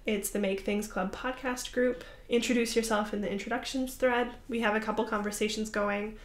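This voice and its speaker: With medium pitch, a steady tone, and a moderate pace, a young woman hosts a crafting podcast and chats casually to the camera. Her talk rambles, sounds apologetic, and is full of fillers, recorded in a roomy, echoey room.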